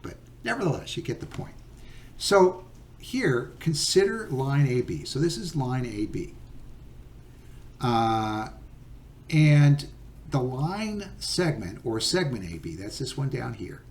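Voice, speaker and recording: A man teaching a recorded geometry lesson, patient and unhurried, with many fillers and okays. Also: medium pitch, very animated, slight background noise.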